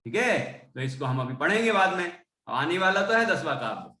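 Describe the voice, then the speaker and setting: A man teaching a religious text to students, explaining its meaning and chanting the verses slowly so they can repeat them. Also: high-pitched, very animated, pushed and bright, roomy sound. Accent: Hindi speaker from Indore, central India. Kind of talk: devotional text lesson with recitation.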